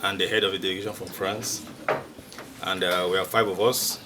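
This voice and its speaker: A lower-voiced man heads a delegation and introduces each of its members in turn. He pauses often, filling the gaps with ums and uhs. A loud steady hiss runs under his voice. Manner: hesitant, with frequent ums and uhs. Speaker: delegation head. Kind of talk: formal self-introduction.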